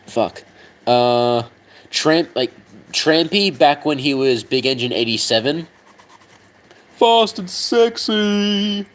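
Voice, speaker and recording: A young man with an Australian accent talks loosely to his audience while busy with his hands, his voice sitting at an ordinary middle pitch. He swears freely, hesitates with plenty of ums and trails off mid-thought. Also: slow pace, a bit bright, rough recording. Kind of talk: casual rambling chat while working on a model.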